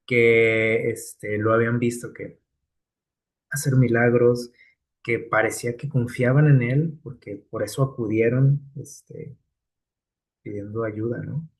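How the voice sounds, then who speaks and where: A man's voice: mid-range voice, husky. Male preacher, talky sermon style with plenty of "este" and "¿sí?" checks. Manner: conversational, many "este" fillers and tag questions.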